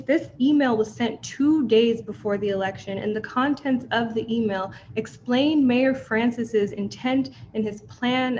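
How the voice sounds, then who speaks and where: A young woman trial advocate questioning a witness and addressing the bench in a measured, formal way, heard through a courtroom recording. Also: a little high, a little mellow, muffled recording, slight background noise.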